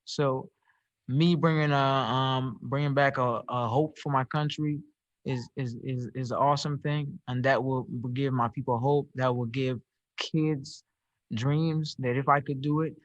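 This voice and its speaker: A young man with a Barbadian accent, a professional boxer answering press questions on a video call, halting and repeating words as he searches for them. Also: medium pitch, steady tone, no echo. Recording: dry, slightly dull video-call audio.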